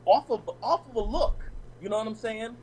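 On a discussion panel, a man with a high voice talks casually at a normal pace, sharing personal stories full of restarts and "you know what I'm saying." The recording is rough, with a little hiss or hum.

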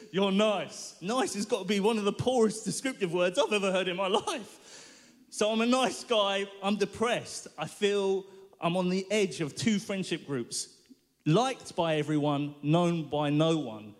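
Pitched a touch high for a man, this guest speaker's voice rings through a large hall with a long reverb. He's giving a personal testimony sermon at a live worship event, animated and poking fun at himself as he recounts his story.

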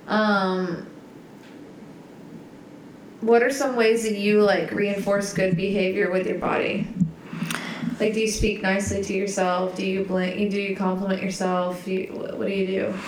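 A woman's voice: medium pitch, little pitch movement, a little slow, pauses often. A young woman co-hosting a casual chat, rambling with many fillers and asking questions. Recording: echoey room with faint noise.

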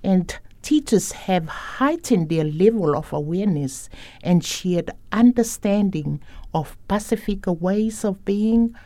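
A woman speaking as an education facilitator in a reflective interview, in a measured, deliberate manner. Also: medium pitch, animated, dark tone, no room sound.

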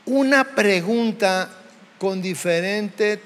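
In a church hall with a long, lingering reverb, a Mexican pastor delivers his sermon slowly and deliberately. His voice is high for a man and slightly bright, and he keeps changing his tone to drive each point home.

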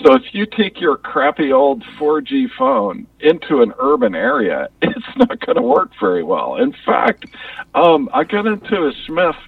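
Casual co-host, man, slangy and animated, gravelly edge, muffled tube-like sound from a far, dull phone. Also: high-pitched, measured pace, no room sound. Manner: laid-back slangy talk. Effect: muffled, sounds like talking through a tube. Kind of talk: casual podcast chat. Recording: distant lo-fi phone line.

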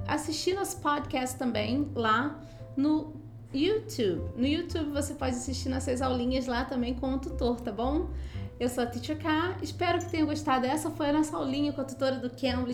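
A woman hosting a podcast lesson, explaining English phrases in Portuguese and repeating each one slowly for learners. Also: sits high, reverberant. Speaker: podcast host and English teacher.

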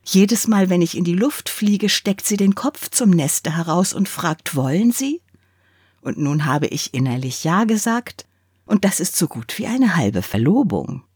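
A woman's voice: on the low side, big pitch swings, a little slow, a little mellow, husky, no echo, studio quality, heavily acted. Woman voicing a prim, chattering old toy ball. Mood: coy. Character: old water-soaked male ball, chatty and vain.

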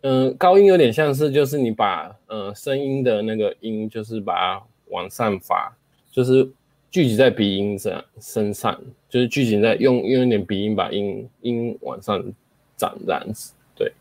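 Male host, lower pitch, dry close recording, casual explanatory delivery with spoken demos and fillers. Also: moderate pace, no echo. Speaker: host explaining speaking skills.

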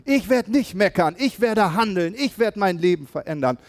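A man playing a churchgoer shouting new confidence. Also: high voice, expressive. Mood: fired up. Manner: halting then loudly declaring. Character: downcast churchgoer rising to bold confidence.

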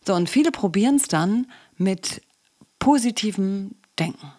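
A woman's voice: mid-range voice, expressive, measured pace, warm tone, dry recording, clean studio sound. A woman coach and psychologist hosting a podcast, talking casually and asking the listener questions. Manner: conversational, asks the listener questions.

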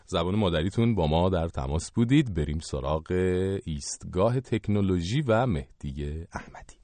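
A man's voice: sits low, animated, noisy background. A man whose mother tongue is Gilaki, hosting a casual radio show with a playful, interjecting way of chatting. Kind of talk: lively casual radio chat.

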